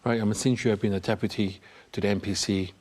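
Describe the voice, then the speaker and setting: A man's voice: lowish voice, fairly even intonation, fast talker, darkish tone. A man hosting a TV news interview, reading a scripted introduction and then asking questions with some hesitant fillers. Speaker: TV interview host.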